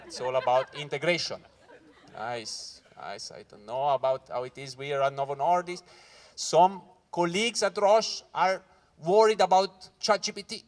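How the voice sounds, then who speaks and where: A Swiss comedian from Ticino with a high voice does a loud, lively English stand-up set for a live crowd at a corporate event hall. He speaks directly to the audience and keeps calling them "guys."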